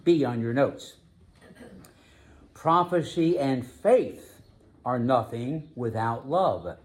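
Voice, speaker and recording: A man preaching a sermon as pastor, emphatic, slowing down to stress key phrases. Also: medium pitch, lively intonation.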